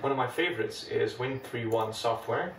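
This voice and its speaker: A gravelly, mid-range voice belongs to a native Dutch speaker with a Dutch accent, talking at normal speed as he casually demonstrates an old computer step by step. Relaxed and chatty, he hosts retro computing videos from a room full of old machines. The background is noisy, the room echoes, and the mic is distant.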